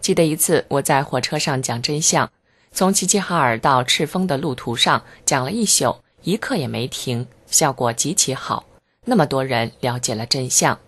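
A reader giving a scripted first-person narration in an even, measured voice, steady and earnest with fervent emphasis. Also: medium pitch.

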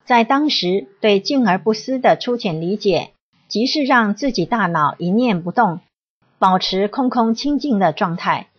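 Husky woman reading a reflection. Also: mid-range voice, expressive, unhurried. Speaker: reader of a spiritual reflection. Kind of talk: read-aloud reflective essay. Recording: dull lo-fi recording.

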